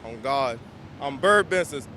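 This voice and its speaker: A man's voice: mid-range voice, expressive, normal speed, pushed and bright. A young man bantering jokingly with slang during a street interview. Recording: street noise behind.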